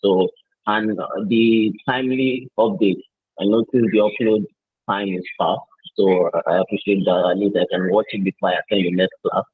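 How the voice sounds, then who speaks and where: Student on a bad call connection: low husky man, earnest, fillers, dry tinny line. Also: steady tone, normal speed, dry recording. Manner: earnest, many fillers and restarts. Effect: bad connection, tinny and phone-like. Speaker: student giving course feedback. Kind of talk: casual spoken testimonial on a video call. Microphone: video call mic with interference.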